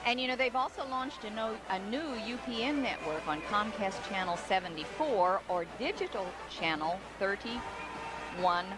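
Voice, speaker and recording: A woman's voice: mid-range voice, lively intonation, a little slow, rough recording. An American woman co-hosting a live parade broadcast as commentator, mixing scripted copy with chat. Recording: outdoor street broadcast, music behind.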